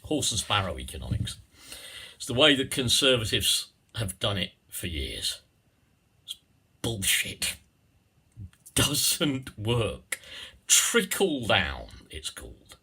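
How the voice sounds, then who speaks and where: A man with a very raspy, forceful voice rambles through a satirical monologue. His pitch leaps about dramatically as he digresses, repeats himself and adds little tag questions. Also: wildly swooping pitch, takes it slowly, long pauses.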